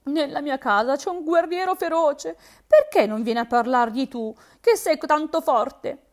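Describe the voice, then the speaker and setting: A woman's voice: high voice, unhurried, pitched above the performer's own voice. A woman voicing a timid, frightened female hare in a spoken fairy tale, pleading and plaintive.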